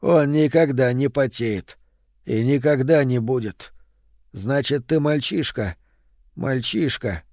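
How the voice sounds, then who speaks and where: A man voicing a hoarse half-mad recluse. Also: medium pitch, takes it slowly, a little mellow, dry recording, studio quality, natural voice. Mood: weary.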